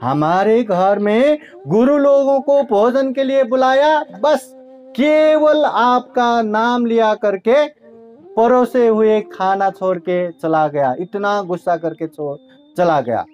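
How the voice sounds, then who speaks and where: A man's voice: sits high, takes it slowly, a little mellow, dull audio, faint music behind. A man voicing an indignant male brahmin who complains and demands answers in a raised voice. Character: angry indignant male brahmin, middle-aged.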